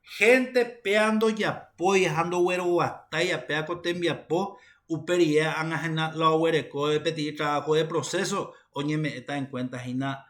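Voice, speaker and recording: A man's voice: on the high side, steady tone, moderate pace, fairly bright tone. Male teacher lecturing. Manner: explains by mixing Spanish and Guaraní, with many repeated fillers. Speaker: Guaraní language teacher. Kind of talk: classroom lecture. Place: university classroom.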